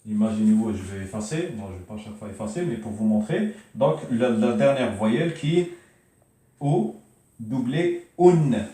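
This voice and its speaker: A man teaching a beginner's language lesson at a board, patiently repeating syllables and pausing often with hesitations. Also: fairly low pitch, lively intonation, warm tone. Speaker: Arabic teacher. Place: room with a board. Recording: echoey room, voice from a distance.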